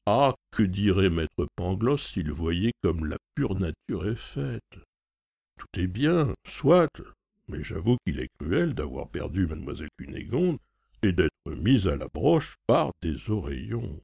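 Naive, bewildered young hero, voiced by a male reader, husky voice, rising in pitch. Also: big pitch swings, unhurried, a little mellow, no echo, clean studio sound, full character voice. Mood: dismayed.

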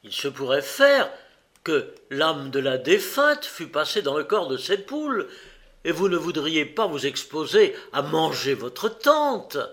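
A man's voice: a little high, very animated, a little slow, fairly bright tone, exaggerated voice. A man doing an earnest Indian sage. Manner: emphatic, exclaiming.

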